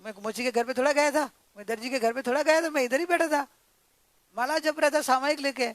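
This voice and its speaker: A man voicing an angry old father-in-law who scolds quickly and indignantly. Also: very high-pitched, fairly bright tone, no room sound, pitched above the performer's own voice.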